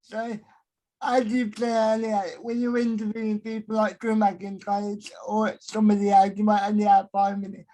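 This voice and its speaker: Flat-voiced, hesitant male podcast host. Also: sits high, moderate pace. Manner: soft-spoken, careful, somewhat hesitant. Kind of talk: casual interview chat.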